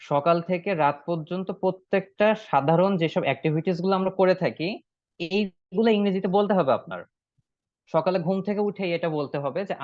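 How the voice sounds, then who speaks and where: A man's voice: a little high, no echo. Man teaching an online class, drilling phrases. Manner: explains step by step, repeats phrases slowly for drilling. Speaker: spoken English teacher. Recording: dry, slightly dull online-class audio.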